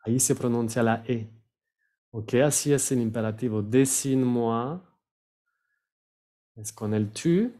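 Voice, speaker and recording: A man teaching French pronunciation, repeating words slowly and sometimes searching for the right word. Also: mid-range voice, mellow. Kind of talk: pronunciation lesson.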